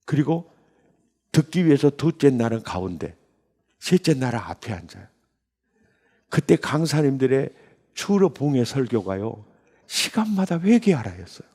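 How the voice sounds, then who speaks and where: A man in his sixties, a pastor, telling his testimony in a sermon with emotional storytelling that jumps into high bursts. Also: big pitch swings, moderate pace, pauses often, mellow, breathy edge. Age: 60s. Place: church sanctuary.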